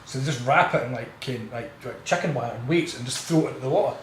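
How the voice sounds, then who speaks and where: Quick-talking man. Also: medium pitch, roomy sound, slight background noise. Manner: rambling, excitable storyteller. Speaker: podcast co-host. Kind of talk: casual chat, storytelling.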